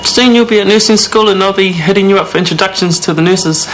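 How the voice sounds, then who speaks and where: A man's voice: sits high, fast, a bit bright. An actor with a broad New Zealand accent playing an earnest, guilt-ridden young man in a TV soap. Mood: rueful, reassuring. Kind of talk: naturalistic TV soap acting. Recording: noisy TV soap scene.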